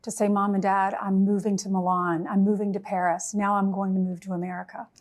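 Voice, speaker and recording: A woman's voice: mid-range voice, little pitch movement, brisk, a little mellow. A woman television interviewer narrating a promo and asking questions in polished broadcast style. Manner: polished, emphatic promo delivery.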